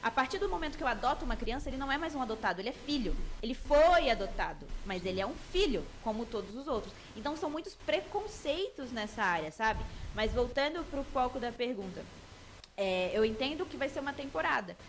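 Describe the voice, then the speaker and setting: A woman's voice: on the high side, very animated, fast, a little hiss or hum, rough recording. A young adult woman with a Brazilian Portuguese accent, a podcast guest talking earnestly about faith and family in a casual interview.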